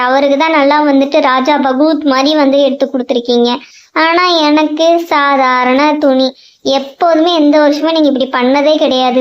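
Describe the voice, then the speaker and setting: A woman's voice: high-pitched, lightly acted. A woman voicing a hurt, stubborn young boy. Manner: pleading, insistent questioning. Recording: dull lo-fi sound.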